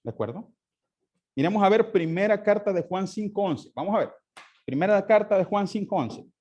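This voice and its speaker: A man's voice: sits high, expressive, normal speed, a little mellow. A man teaching a Sunday school class, often asking his listeners questions and answering them himself. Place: church classroom.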